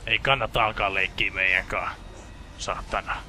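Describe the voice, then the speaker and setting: Young male let's-player from Finland, bright edgy voice, lowish pitch, sarcastic and swearing. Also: steady tone. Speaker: gameplay commentator. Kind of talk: casual let's play commentary.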